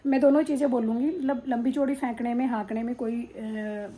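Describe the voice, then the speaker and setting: Chatty middle-aged Indian-vlog woman, mellow. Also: on the high side, fairly even intonation, brisk, slight background noise, poor audio. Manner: chatty, frank, rambling with fillers. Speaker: vlogger. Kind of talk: casual talk to camera. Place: drawing room at home. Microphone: phone held in hand.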